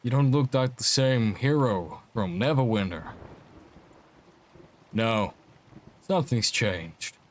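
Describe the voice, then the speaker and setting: A man's voice: mid-range voice, expressive, slow, pauses often. A man voicing a mocking armored villain whose voice is muffled behind his helmet. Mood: taunting. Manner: taunting, condescending.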